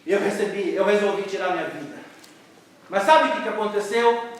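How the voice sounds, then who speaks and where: A man voicing a gentle, kindly old man who speaks in a calm, comforting way. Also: sits high, brisk, lightly acted. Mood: weary. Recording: echoey church hall, mic far off.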